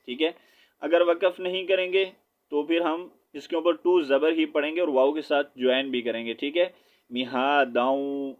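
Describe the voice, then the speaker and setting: Teacher, male, Pakistani Urdu accent, patient and drawn out, flat even delivery, smooth voice, dull lo-fi sound. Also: on the high side. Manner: patient, repeats "theek hai", drawls syllables. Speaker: Quran recitation teacher. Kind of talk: online lesson, spelling out and reciting slowly.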